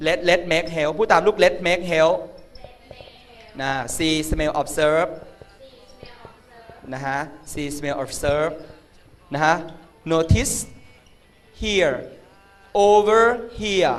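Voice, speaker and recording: A man's voice: sits high, fairly bright tone. A man teaching an English grammar class, flamboyant and teasing, chanting word lists for students to repeat. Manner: drills vocabulary in sing-song chants. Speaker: English tutor. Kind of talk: comedic classroom grammar lesson.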